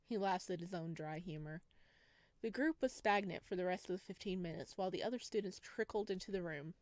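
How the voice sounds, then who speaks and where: A streamer with a lowish, darkish voice speaks briskly in a dry recording. While playing through a visual novel as a let's play, she reads the narration aloud and reacts to the plot with casual, chatty remarks.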